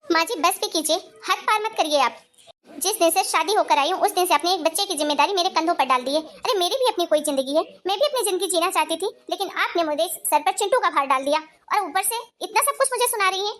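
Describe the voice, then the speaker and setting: A woman's voice: very high voice, expressive, fast, a bit bright. A woman voicing a hard-working young wife in a cartoon story, earnest and indignant as she defends herself. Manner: earnest, indignant, pleading her case.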